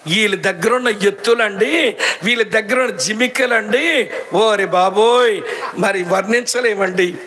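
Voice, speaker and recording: A man's voice: high voice, measured pace. A man with a Srikakulam Telugu accent preaching a sermon, telling stories animatedly, acting out the people in them, and scolding and mocking. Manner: animated storytelling, acting out quoted women.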